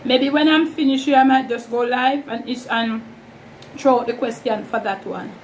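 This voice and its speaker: A woman with a Jamaican accent chatting casually and informally in a rambling, unhurried way, as a vlogger hosting an eating show. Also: a little high, poor audio. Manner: unhurried, informal Creole-inflected phrasing, rambling. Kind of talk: casual mukbang chat. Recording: steady fan noise in background. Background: whirring fan.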